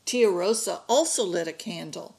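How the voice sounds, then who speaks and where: A woman reading a picture book aloud to an adult learning class, slow and expressive. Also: fairly low pitch, gravelly.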